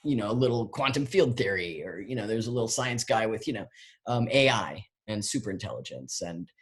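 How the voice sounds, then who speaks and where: A man, a guest artist, answering audience questions in a halting, rambling way full of fillers and restarts, heard over a video call. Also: fairly low pitch, lively intonation. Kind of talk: casual conversation, answering questions.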